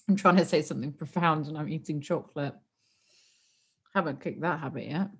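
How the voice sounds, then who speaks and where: A woman's voice: deep voice, slightly rough. A young woman co-hosting a podcast, chatting openly and emotionally, laughing often. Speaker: podcast co-host. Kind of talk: casual chat.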